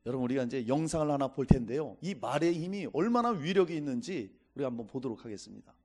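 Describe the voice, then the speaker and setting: A man's voice: medium pitch, animated, fast, a little mellow, husky. A middle-aged male pastor giving a Sunday sermon, reading scripture and acting out quotes as he preaches.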